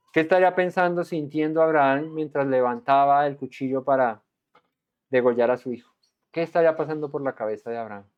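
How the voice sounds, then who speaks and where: Male preacher, dramatic verse-by-verse delivery, mid pitch, slightly dull lo-fi recording. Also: a little mellow. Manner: dramatic, acts out the angels and God in voices. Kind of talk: verse-by-verse sermon.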